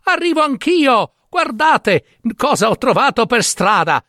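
A man voicing a cheerful, foolish young man who calls out eagerly in a raised, excited voice, in a read-aloud fairy tale. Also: normal speed, vocal fry, dry recording, studio quality. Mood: shouting. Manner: shouting eagerly, high and excited.

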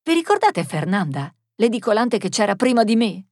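A woman's voice: mid-range voice, sing-song, moderate pace, a little mellow, dry recording, clean studio sound. A woman voicing a chatty, gossipy middle-aged newsagent who knows everyone in town. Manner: chatty, knowing.

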